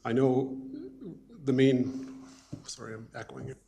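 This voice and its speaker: A man's voice: mid-range voice, flat delivery, a little slow, creaky, mellow, lo-fi sound. A councillor asking questions at a council meeting, his voice echoing back through the chamber's speakers, hesitant and restarting phrases. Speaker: city councillor.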